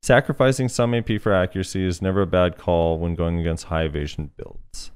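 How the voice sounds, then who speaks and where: A man's voice: low-pitched, steady tone, a little fast, a little mellow, smooth. A man hosting a casual podcast, reading listener comments aloud in a laid-back way with plenty of fillers. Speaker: podcast host.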